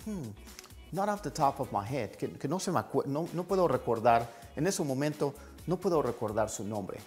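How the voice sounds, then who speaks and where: Friendly-teacher read: man, mid pitch, drills phrases slowly, soft music under. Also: expressive. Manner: repeats phrases slowly for practice. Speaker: English teacher. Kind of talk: casual language lesson.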